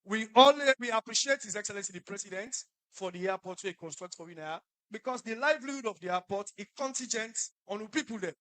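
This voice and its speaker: A middle-aged man with a Sierra Leonean Krio accent, an opposition lawmaker making loud, emphatic remarks at a press conference. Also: sits high, fast talker, poor audio. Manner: loud, emphatic, stumbling speech. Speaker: opposition member of parliament.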